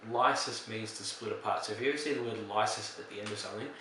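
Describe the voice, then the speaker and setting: A male chemistry teacher explaining reaction types in a relaxed way, pausing with fillers and correcting himself. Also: lowish voice, far from the mic, a little hiss or hum. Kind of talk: recorded lesson explaining reactions. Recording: echoey room, voice off-mic.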